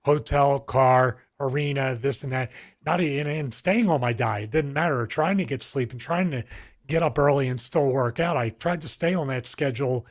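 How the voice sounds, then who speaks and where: A man's voice: mid-range voice, normal speed. Here a middle-aged man with a Philadelphia accent talks through long, meandering stories on a podcast. He speaks in an easygoing, conversational way, restarting sentences often and leaning on fillers as he goes. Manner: rambling, storytelling with frequent restarts and fillers. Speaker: podcast co-host. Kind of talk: casual chat.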